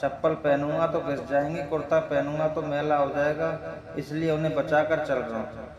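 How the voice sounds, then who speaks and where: A tight-fisted old village man, as a storyteller puts him on defends his stinginess in a slightly high voice. He sounds stubborn and self-justifying. The sound is roomy, with crowd chatter behind. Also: fairly even intonation, normal speed, muffled recording, close to an everyday voice.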